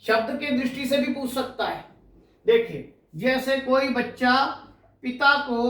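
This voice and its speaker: A man teaching as an exam-prep lecturer, explaining slowly and asking the class questions that he answers himself. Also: extremely high pitch, a bit bright, distant mic. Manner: slow, deliberate explaining with drawn-out stressed words. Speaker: Hindi linguistics teacher. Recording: echoey room, voice away from the mic.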